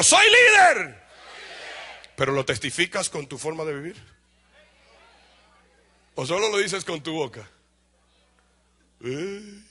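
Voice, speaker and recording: Preaching to his congregation, a Dominican pastor with a Dominican Spanish accent asks questions only to answer them himself. He's animated, shouting certain points for emphasis before falling into a quiet, low aside.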